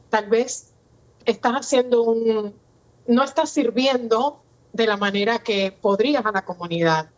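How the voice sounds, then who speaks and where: Earnest woman with eastern Cuban accent. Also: on the high side. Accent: eastern Cuban Spanish. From Santiago de Cuba. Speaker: guest. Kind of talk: casual interview chat. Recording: slightly dull, muffled sound.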